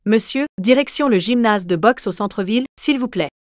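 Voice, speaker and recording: An actress dubbing a feisty, sharp-tongued young waitress in a drama series, blunt and teasing. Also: female voice, mid-range voice, expressive, moderate pace, no echo, close to an everyday voice. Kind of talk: French dub of a drama series.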